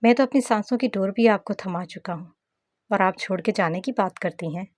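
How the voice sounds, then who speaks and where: A woman's voice: medium pitch, normal speed, no echo, natural voice. A young husband, put on by a woman narrating a novel teases his wife with a coaxing, affectionate tone. Every word sounds close to the mic and dry. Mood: teasing. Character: young husband, teasing and devoted. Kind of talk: scripted novel narration with acted dialogue.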